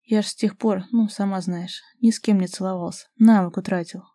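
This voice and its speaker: A woman reading the part of a confident young man in love, speaking softly and calmly. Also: mid-range voice, a little fast, dry recording, natural voice. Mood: tender teasing.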